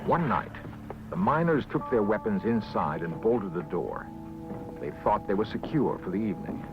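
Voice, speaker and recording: An American man narrating a nature documentary from a script in a measured, suspenseful, dramatic way. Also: on the low side, sing-song. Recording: dull vintage TV soundtrack, loud music behind. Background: loud background music.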